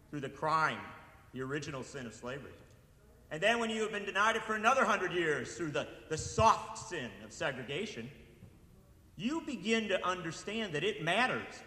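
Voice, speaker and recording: A man from Wisconsin delivers a rousing political speech, his voice bright and cutting as he drives home repeated appeals. He sits a touch higher than most men. The sound rings through a large hall with a long, echoing tail. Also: very animated, normal speed. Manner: impassioned, rising to shouted repeated appeals. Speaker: speaker at a political event. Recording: echoey hall with long reverb.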